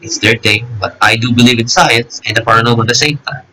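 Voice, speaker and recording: A man's voice: medium pitch, fast, sharp tone, slight background noise, low-quality recording. A young man around twenty chatting alone to his camera, rambling and joking at his own expense, swearing freely. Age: 20s. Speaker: YouTuber reacting to videos. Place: alone in a room.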